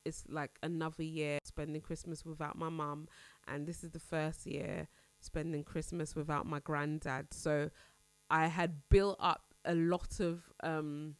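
A woman in her thirties hosts a casual podcast, chatting candidly in a congested, nasal voice while she recovers from a cold. Her voice is low-pitched and flat, with a measured pace and no echo. She's chatty and rambling, often restarting her sentences in this personal chat.

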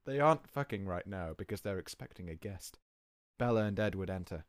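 A man's voice: low voice, animated, brisk. A man narrating a comedy screenplay read with casual, dry asides.

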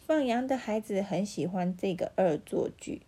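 Mellow, husky woman reading bedtime stories. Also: medium pitch, normal speed. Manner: gentle, animated storytelling.

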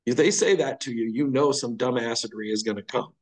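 A man's voice: medium pitch, a little fast, rough recording. A middle-aged man guest on a podcast, explaining ideas in a blunt, profane, casual way. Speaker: podcast guest, fire lieutenant. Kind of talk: casual conversational chat.

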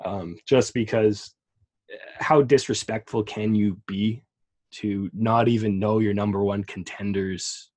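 Husky-voiced man chatting casually. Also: on the low side, steady tone, unhurried, darkish tone. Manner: enthusiastic, rambling with restarts. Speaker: podcast co-host. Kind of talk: casual wrestling chat.

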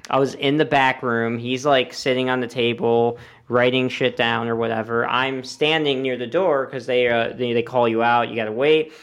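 A young man in casual podcast chat, a comedian telling a story with energy, swearing freely and leaning on fillers. His voice sits at an ordinary middle pitch. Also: fairly even intonation, normal speed, few pauses, a bit bright, clean tone. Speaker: guest comedian.

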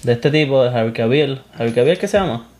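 A young man argues his picks in a casual chat about films, insistent and opinionated. His voice sits at an ordinary middle pitch. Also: fast, a little mellow, soft background music. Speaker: co-host.

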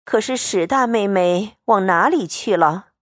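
Storybook part: woman voicing a conciliatory married lady, slow, dry close read. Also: mid-range voice, no echo, natural voice. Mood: placating. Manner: placating, good-humored. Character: placating married noblewoman.

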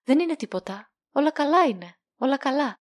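A woman's voice: sits high, expressive, no room sound, clean studio sound, voice pushed up. A woman reading the lines of an anxious middle-aged sea captain in a storybook, in a pleading way. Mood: relieved. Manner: trembling, pleading, then relieved.

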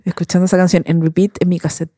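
Chilean woman podcast co-host, young, lively slangy storyteller, lowish warm tone, dry close sound. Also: very fast, no room sound. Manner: animated storytelling, slangy, laughs often. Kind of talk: casual chat.

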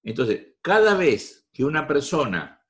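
Rioplatense man, motivational speaker, very animated intonation, hammering points home. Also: a little high, measured pace. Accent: Rioplatense Spanish. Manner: repetitive, emphatic, preachy. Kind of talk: live talk to an audience.

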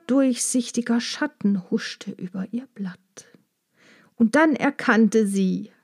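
A woman reading a children's story aloud in an expressive storybook narration. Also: fairly high pitch. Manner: slow, expressive read-aloud. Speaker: audiobook reader.

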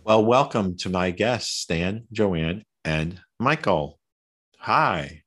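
A man with a Long Island New York accent hosts a casual podcast chat. His voice sits very low. He talks in a jokey, self-mocking way, full of fillers and restarts. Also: lively intonation, slow, a bit bright. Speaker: podcast host.

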